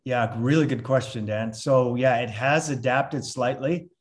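An older man from Canada, a retired consultant turned coach, talking reflectively in a relaxed interview with many "uh"s and restarts. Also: medium pitch, a little slow. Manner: reflective, with frequent fillers and restarts. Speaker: podcast guest, coach. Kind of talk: casual interview chat.

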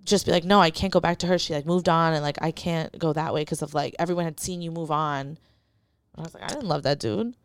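A woman's voice: low-pitched, quick pace, smooth, dry recording. A young woman as a podcast guest, telling a personal story in casual chat, rambling with lots of "like" and quoting herself.

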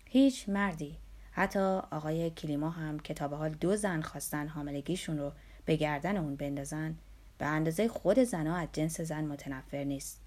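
A woman's voice: low voice, darkish tone. A woman reading a cynical lecturing male doctor. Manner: dry, lecturing, sweeping claims. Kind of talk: audiobook reading.

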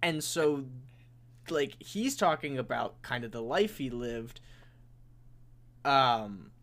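A man's voice: mid-range voice, expressive, slow pace, fairly bright tone. A young man co-hosting a casual podcast, rambling and hedging as he restarts his thoughts while discussing an episode. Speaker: podcast co-host. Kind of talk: casual chat reviewing an audio drama episode.

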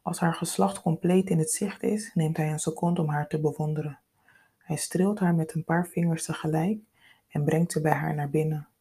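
A woman narrating a scripted story in a calm, intimate, unhurried way. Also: low-pitched, slightly rough.

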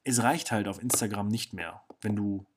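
A man's voice: fairly low pitch, moderate pace, breathy edge. A young man hosting his own podcast, talking bluntly and casually with slang, often stopping to correct himself. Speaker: podcast host. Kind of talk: casual solo podcast monologue.

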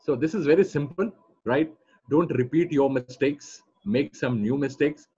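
A man's voice: a little high, normal speed, mellow, slightly rough. Indian-accented man explaining, dull audio. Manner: repeats phrases for emphasis. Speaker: trading coach being interviewed. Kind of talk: explanatory interview talk.

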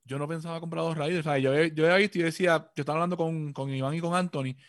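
A man in casual chat as a podcast co-host, jumping in with quick interjections and repeating his phrases. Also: on the high side, fairly even intonation, no room sound, clean studio sound.

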